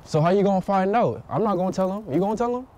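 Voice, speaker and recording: Give me a fast-talking young man from Trinidad hosting a street prank, smooth and persistent with slang. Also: high-pitched, expressive, warm tone.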